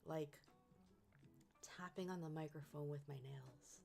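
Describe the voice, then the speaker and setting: Gravelly woman streamer chatting slow and playful at her craft desk, music faint in back. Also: low-pitched, warm tone. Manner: chatty, playful, talks while eating. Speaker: livestream host. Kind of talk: casual livestream chat.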